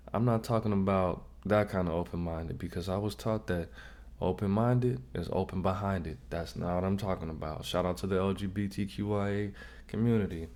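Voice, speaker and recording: A man with a fairly low, dark, mellow voice hosts a casual reaction commentary. He gives blunt, slangy advice straight to the viewer and often circles back to repeat himself. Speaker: vlog host.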